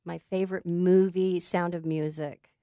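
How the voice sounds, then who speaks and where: Middle-aged woman getting interviewed, playful, quick answers, dry sound no room. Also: fairly low pitch, level tone, dark tone, clean tone, dry recording. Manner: playful, laughs easily, answers briefly. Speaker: interview guest. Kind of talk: casual rapid-fire Q&A.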